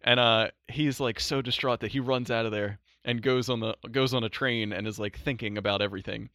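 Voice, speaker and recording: A man's voice: mid-range voice, fairly even intonation, fairly quick, fairly bright tone, dry recording. A man hosting a podcast in casual chat, laughing often and acting out quotes. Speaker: podcast host.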